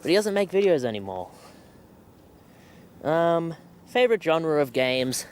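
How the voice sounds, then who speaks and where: A man's voice: a little high, very animated, measured pace, a little hiss or hum. A young Australian man chatting casually to a handheld camera, breathing heavily as he walks outdoors. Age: young adult. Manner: heavy breathing while walking. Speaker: vlogger. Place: outdoors at night, walking in a suburban riverside area. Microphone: handheld camera at arm's length.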